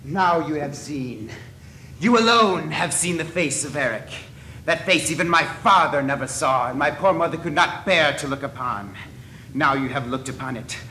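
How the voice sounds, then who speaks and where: A man playing a disfigured masked man, obsessive and possessive, in a stage play, swinging from soft pleading to shouting rage. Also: fairly high pitch, lively intonation, normal speed. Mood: anguished, raging. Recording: echoey stage from a distance, faint noise.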